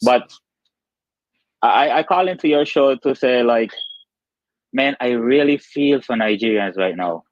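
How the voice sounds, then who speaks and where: A man's voice: medium pitch, a little slow, long pauses, no room sound. Kittitian man calling in, dull lo-fi line. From Saint Kitts and Nevis, Caribbean. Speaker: caller to a talk show. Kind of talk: casual opinionated chat. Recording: dull lo-fi call audio.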